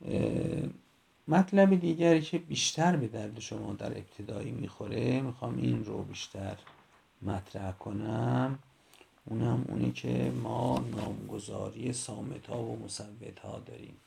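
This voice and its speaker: Gravelly husky male teacher. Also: medium pitch, warm tone. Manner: methodical, explains step by step with examples. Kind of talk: lecture on grammar.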